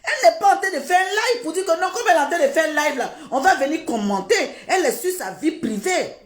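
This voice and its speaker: A woman's voice: extremely high pitch, animated, fast talker, reverberant. A woman giving indignant livestream commentary, repeating rhetorical questions and laughing between them.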